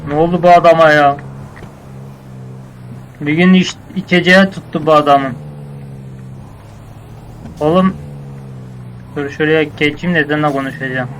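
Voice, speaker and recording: A man running an in-character game roleplay, ordering his crew about in brusque, slangy street talk. His voice is on the higher side for a man, with a light hiss of noise beneath it. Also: fairly even intonation, moderate pace, long pauses, fairly bright tone, rough recording.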